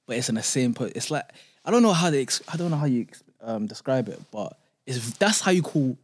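A man's voice: medium pitch, sing-song, fairly quick, slightly rough. A young man with a London roadman accent chatting casually in slangy, repetitive street talk. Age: young adult. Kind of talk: casual chat.

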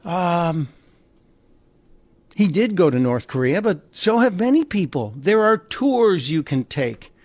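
Male talk radio host, slightly high voice, dry close studio mic, indignant and sarcastic monologue. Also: very animated, takes it slowly, darkish tone, no room sound. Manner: conversational, indignant, sarcastic asides. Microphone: studio microphone.

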